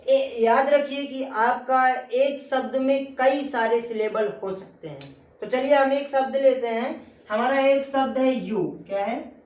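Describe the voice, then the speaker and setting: A woman's voice: high voice, a little slow, darkish tone. A woman teaching English grammar in an online lesson, asking the class a question after each point and answering it herself. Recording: echoey room.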